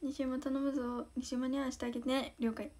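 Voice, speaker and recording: A woman's voice: high voice, little pitch movement, fairly quick, a little mellow. A teenage girl from Osaka with a Kansai accent, bashful and giggly, chatting casually on a livestream as she reads fan comments and thanks fans. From Osaka, Japan. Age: teens. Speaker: idol livestream host.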